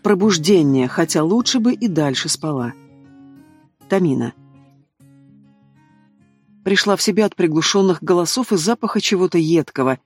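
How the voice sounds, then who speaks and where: A man narrating an audiobook in measured storytelling. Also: a little high, no echo. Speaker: audiobook reader. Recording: dry close studio sound.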